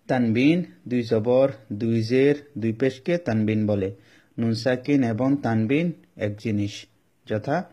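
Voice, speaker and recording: A man with a Bangladeshi Bengali accent leads a Quran reading class at a mid pitch. He explains each rule step by step in a patient tone and repeats it several times so learners can follow. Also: mellow, muffled recording. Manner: drawn-out chanted Arabic examples. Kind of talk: step-by-step recitation lesson.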